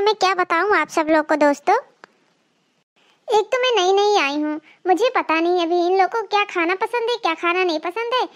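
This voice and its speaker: A woman voicing a fretful young cartoon bride. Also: very high voice. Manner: fretful, exasperated, talks to viewers. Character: flustered young new daughter-in-law. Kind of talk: cartoon comedy voice acting.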